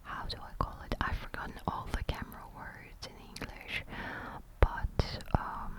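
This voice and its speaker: Woman ASMR host: unvoiced whisper throughout, slow, hesitant, pauses to find words. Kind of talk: ASMR camera show-and-tell.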